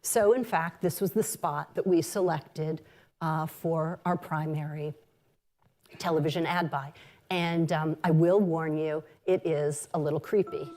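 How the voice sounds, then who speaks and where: A woman marketing executive giving a conference talk, measured and sprinkled with ums and uhs. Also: sits low, steady tone, darkish tone.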